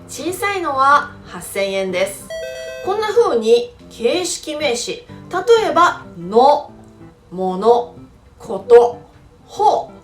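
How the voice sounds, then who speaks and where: A woman teaching a Japanese lesson, explaining patiently and asking the viewers questions. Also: a little high. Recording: roomy echo with faint background music.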